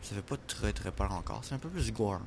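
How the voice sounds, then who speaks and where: Low gamer guy, playful mock-formal bits, faint hiss behind. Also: expressive, a little fast, vocal fry, a little mellow. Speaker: gamer co-host. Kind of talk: casual gameplay chat.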